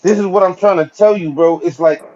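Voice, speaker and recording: Ny guy, high voice, slangy and pushy, kinda muffled lo-fi audio. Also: brisk, a little mellow. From Brooklyn, New York. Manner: street slang, emphatic, repetitive "you feel me". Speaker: guest battle rapper. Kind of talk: casual podcast chat.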